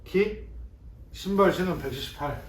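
Young man, blunt and irritated, fairly high lively voice, a bit off-mic in an echoey room. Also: moderate pace, recorded from a distance, slight background noise. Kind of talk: comedy skit dialogue.

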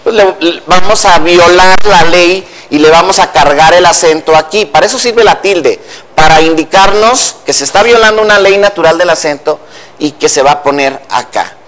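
A man's voice: high-pitched, moderate pace, a bit bright. A man from Mexico, a language commentator on a TV news show, patiently explaining spelling rules step by step in a studio.

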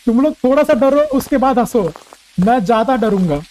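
A man's voice: extremely high pitch, expressive, normal speed, low-quality recording. A young man giving jokey, easily frightened commentary while playing a horror game. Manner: jumpy, jokey, often shouting in fright. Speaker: gaming streamer.

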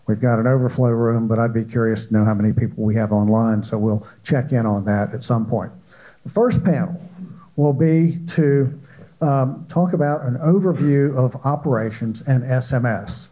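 An older man moderates a panel in a large conference hall, talking into a handheld mic. His tone is mellow and relaxed, and he chats along loosely with plenty of "uh"s. The recording sounds a little dull. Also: medium pitch, normal speed. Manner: conversational, asks questions with frequent fillers.

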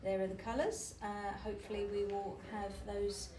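A woman's voice: mid-range voice, moderate pace. Chatty woman touring her little shop. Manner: chatty and relaxed, many fillers like um and uh. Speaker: shop owner giving a tour. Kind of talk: casual walk-through shop tour. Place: small indoor shop. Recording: echoey shop room with clear background noise.

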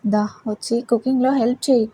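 A woman's voice: on the high side, steady tone, fairly quick, dark tone, breathy edge. A woman with a Telugu accent voicing an affectionate middle-aged mother who scolds her son fondly, in a storybook reading. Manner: fond scolding. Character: loving playful middle-aged mother-in-law.

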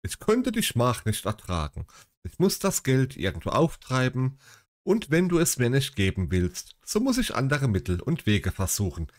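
A man's voice: medium pitch, wildly swooping pitch, normal speed, a little mellow. Give me a spoiled pleading young son, read by a man from a storybook.

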